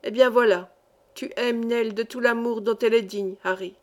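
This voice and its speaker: A woman's voice: on the high side, fairly even intonation, moderate pace, close to an everyday voice. A woman reading the lines of a cheerful young male miner who banters and teases his friend, in an audiobook. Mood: earnest. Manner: bantering, laughing.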